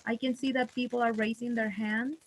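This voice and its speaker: A woman from Venezuela speaks in a somewhat high voice over a video call. She talks in a friendly, grateful way, with many fillers and restarts. It sounds like a casual online chat. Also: flat delivery, a little fast, a little hiss or hum, rough recording. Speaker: webinar presenter.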